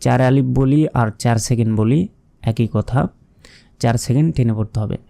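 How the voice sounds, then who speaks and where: Male Quran teacher with a Bangladeshi Bengali accent, warm and clear, drills each letter patiently. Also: mid-range voice, fairly even intonation. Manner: patient, repeats each letter sound slowly. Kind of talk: step-by-step recitation lesson.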